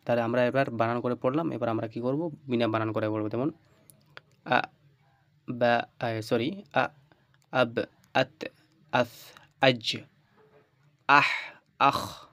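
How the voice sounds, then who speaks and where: A male Quran teacher leads an online tajweed lesson at a very unhurried pace. He repeats each letter sound in a patient drill and keeps checking that the listener follows. His voice is close and dry, with no room echo. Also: medium pitch, steady tone, a bit bright. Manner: slow, repetitive drilling with frequent checks "right?".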